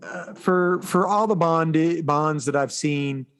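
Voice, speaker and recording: A man co-hosting a podcast chats casually about movies, telling stories haltingly and often quoting dialogue. His voice is a little high and a bit bright.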